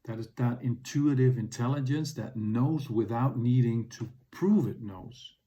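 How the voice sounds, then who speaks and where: A man hosting his own podcast, speaking in a calm, earnest personal monologue. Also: medium pitch, dull audio. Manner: calm, earnest, unhurried reflection. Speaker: podcast host.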